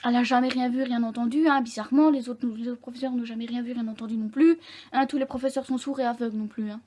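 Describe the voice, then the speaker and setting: Mellow-voiced young woman telling her story. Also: fairly high pitch, fairly even intonation. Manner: candid, halting, full of self-corrections. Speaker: vlogger. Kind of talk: personal storytelling to camera.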